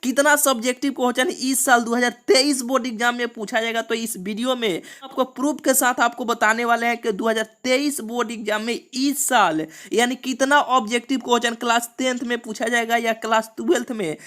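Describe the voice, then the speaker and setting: A man's voice: very high voice, fairly even intonation, a little fast, hardly any pauses, fairly bright tone. A young man explains exam rules to students in a video, repeating himself and leaning on small filler words as he goes. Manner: repetitive, keeps saying "see" and "okay". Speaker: exam coaching channel host.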